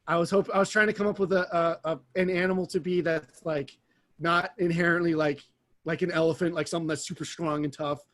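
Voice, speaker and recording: A man's voice: fairly high pitch, steady tone, a little fast, a bit bright. A man co-hosting a podcast, telling stories in a rambling, enthusiastic casual chat. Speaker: podcast co-host.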